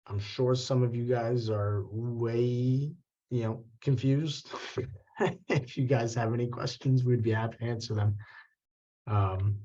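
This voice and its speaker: A man hosting a live software webinar on a call, talking casually with lots of fillers and restarts. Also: medium pitch, lo-fi sound. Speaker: software trainer hosting office hours. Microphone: video call.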